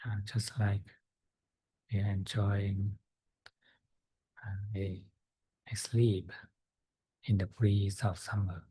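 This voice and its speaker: A man softly guiding a breathing meditation, slow and soft-spoken with long pauses and fillers. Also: lowish voice, completely flat delivery, breathy edge, no room sound, low-quality recording. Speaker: meditation guide.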